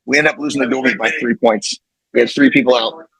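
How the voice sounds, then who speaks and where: Middle-aged man, husky and gravelly, dry close sound, lively storyteller with stumbling repeats. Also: mid-range voice, quick pace, no room sound, low-quality recording. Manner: animated, repeats words, acts out quotes. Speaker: podcast guest, former wrestler. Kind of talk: casual storytelling.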